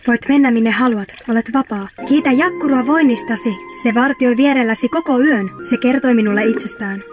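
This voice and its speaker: A woman dubbing an ancient giant female wolf goddess, speaking slowly and with grave command, with a film score behind. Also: a little high, music in the background, close to an everyday voice. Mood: stern. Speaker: dub actor.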